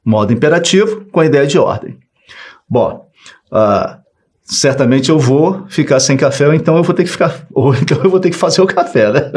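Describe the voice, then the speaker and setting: A Brazilian man teaching Portuguese grammar in an exam-prep video lesson, joking and acting out example phrases. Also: fairly high pitch.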